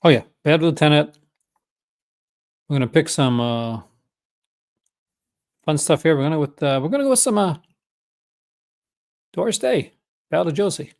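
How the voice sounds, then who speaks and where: A man from Newfoundland, Canada, with a slightly high, expressive, somewhat mellow voice talks at a moderate pace with long pauses. He hosts a movie-collecting vlog, chatting off the cuff in a folksy, enthusiastic way with a Newfoundland accent.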